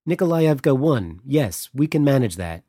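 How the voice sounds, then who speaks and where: A man's voice: medium pitch, big pitch swings, normal speed, dark tone, no room sound, clean studio sound, pitched above the performer's own voice. A man voicing a courteous French male head of mission with a thick but pleasant French accent. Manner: polite, businesslike.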